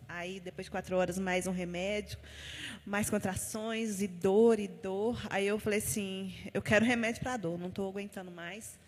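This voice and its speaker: A woman giving a personal testimony at a church service, telling her story with heartfelt feeling and often recounting what was said to her. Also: medium pitch. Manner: heartfelt storytelling, retelling conversations. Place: church hall. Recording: long reverb of a large church hall.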